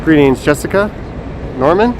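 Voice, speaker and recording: A man's voice: on the high side, animated, normal speed. Masked man live-streaming on a noisy street. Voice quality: speaking through a face mask. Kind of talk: casual live-stream chat. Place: outdoors in a windy downtown city square. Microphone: phone on a gimbal. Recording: noisy windy city street, traffic.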